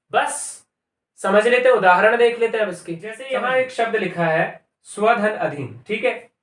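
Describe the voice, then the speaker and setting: A man's voice: high voice, a bit bright, far from the mic. A man teaching a grammar lesson, explaining step by step and repeating each term as he goes. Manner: explains step by step, repeating terms and asking "ठीक है". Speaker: Sanskrit and Hindi grammar teacher. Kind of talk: classroom-style grammar lesson. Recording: echoey room, voice from off-mic.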